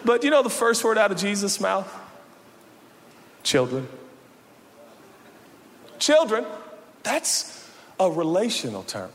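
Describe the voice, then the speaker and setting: A man preaching a sermon as pastor, swinging from loud shouts to hushed, low passages. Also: wildly swooping pitch, moderate pace, long reverb tail, slight background noise. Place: church sanctuary.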